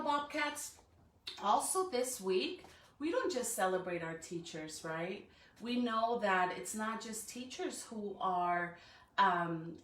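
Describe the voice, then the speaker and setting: Here a school staff member with a mid-range, fairly bright voice speaks to young children over a live stream, encouraging them and checking in often with rhetorical questions and "right?". She then reads a storybook, recorded from a distance in a room with noticeable echo.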